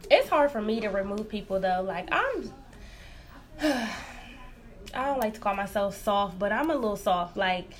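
A woman chats casually as a podcast co-host in a medium-pitched voice. Her way of talking is informal and reflective, as if confiding something personal. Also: big pitch swings, moderate pace, long pauses. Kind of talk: casual chat. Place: room in a library.

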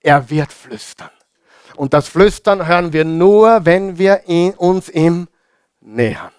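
Man, pastor, sermon, slow delivery, informal, drops to whispers, dry close sound. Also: high voice, lively intonation, clean tone, no echo. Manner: drops to soft whispers for emphasis; informal, addresses congregation directly.

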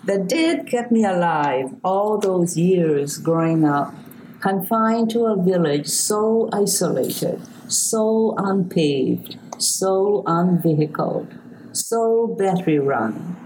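Speaking with a Hawaiian accent, this older woman poet from Hawaii answers interview questions and reads her poetry, telling childhood stories slowly and thoughtfully. Her somewhat low voice is expressive and a little mellow; the rough recording carries slight background noise.

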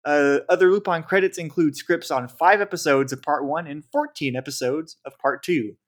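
A man's voice: a little high, moderate pace. Man hosting a podcast, reading credits. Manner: laughs often, reads credits with small stumbles. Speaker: podcast host. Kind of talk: casual podcast chat and episode rundown.

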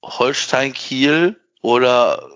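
A man chatting casually about football with friends, lively and joking. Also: medium pitch, very slow. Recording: dull lo-fi sound.

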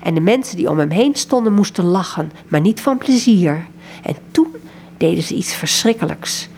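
A woman with a fairly low voice reads a story aloud with lots of expression. When she talks freely she stumbles often and uses many fillers. She speaks as the coordinator of a prayer group. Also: normal speed, slightly rough. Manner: reads expressively, lively pitch in quoted lines. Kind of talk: reading a story aloud and talking about books.

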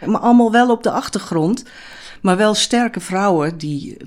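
A woman's voice: medium pitch, moderate pace, a little mellow. An older woman who once lived in a commune, recalling the old days in an interview, chatty and hesitant. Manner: chatty, hesitant, many fillers and restarts. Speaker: former commune resident. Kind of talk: reminiscing interview.

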